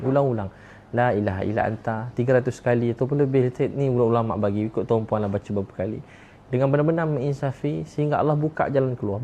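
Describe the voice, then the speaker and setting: A male preacher with a Malaysian accent delivers a sermon at a rapid clip. His voice sits in a middle register, and he repeats key phrases with fervent insistence. A faint hiss runs under the recording. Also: mid-range voice, warm tone, muffled recording.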